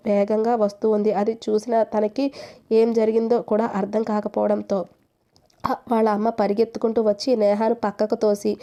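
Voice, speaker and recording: A woman voicing a young husband, angry and loving, in an even, flat reading. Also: mid-range voice, lightly acted.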